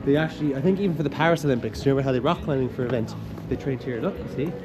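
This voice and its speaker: Music plays behind a young man speaking very fast in a mid-range voice as he gives a chatty, enthusiastic campus walking tour as a student guide, his phrasing loose. The outdoor recording is also noisy with clear traffic and urban ambience.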